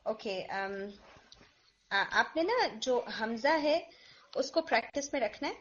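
A woman teaches Quran recitation in an online lesson, pausing to slowly model each word. Her voice sits a little high. The call audio is muffled and lo-fi. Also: animated, a bit bright. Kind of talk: online tajweed correction lesson.

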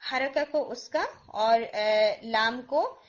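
A woman's voice: sits high, highs cut off. Patient woman teaching recitation over a call. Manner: patient, slows down to model each word. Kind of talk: online tajweed correction lesson.

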